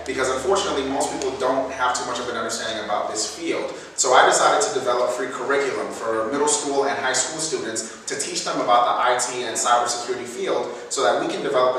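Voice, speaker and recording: A man from Haiti giving an earnest, prepared business pitch at a community event. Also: pushed and bright, slight background noise. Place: large event hall. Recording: echoey hall, mic far off.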